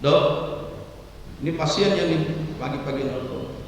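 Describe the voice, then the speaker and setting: A man's voice: fairly high pitch, normal speed, a little hiss or hum, voice pushed up, close to an everyday voice. A man voicing a confused, senile eighty-year-old man who phones his doctor with a worried complaint. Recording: echoey hall, distant mic.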